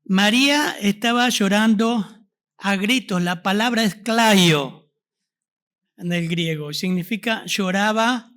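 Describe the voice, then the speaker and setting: A man with an Argentine accent delivers a church sermon in a notably high voice. He preaches to the congregation and keeps asking them rhetorical questions. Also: bright, forceful tone. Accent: Argentine Spanish. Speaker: pastor. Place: church service.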